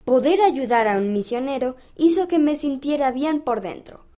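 A woman reading aloud a children's magazine story as scripted narration, in a calm, even storybook manner. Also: sits high, moderate pace.

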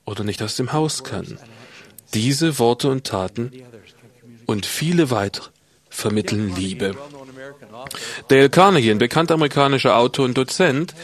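Earnest man reading a sermon. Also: mid-range voice. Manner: earnest and gently exhorting. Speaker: sermon speaker. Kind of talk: read sermon with a lively, measured delivery.

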